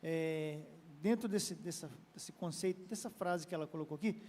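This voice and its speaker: A man's voice: fairly high pitch, moderate pace, darkish tone, in a large hall, a little hiss or hum. A man with a Brazilian Portuguese accent, hosting a church program, relaying viewer questions hesitantly with many fillers. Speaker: program host.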